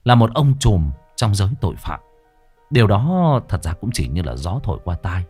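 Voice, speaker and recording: A man's voice: sits low, moderate pace, breathy edge, faint music behind. A man narrating a horror story in a scripted, dramatic way. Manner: expressive, dramatic.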